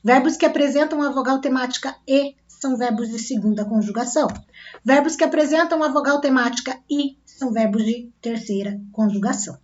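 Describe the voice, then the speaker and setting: A woman's voice: high voice, a little fast. A woman teacher with a Brazilian Portuguese accent, explaining step by step and often checking that her class is following. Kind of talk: recorded grammar lesson. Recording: dull lo-fi recording.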